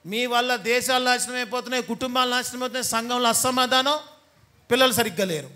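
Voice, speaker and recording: A man's voice: extremely high pitch, fast talker, bright, forceful tone. A man preaching a sermon as pastor, teasing and scolding his congregation and mimicking the people he talks about. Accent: Telugu.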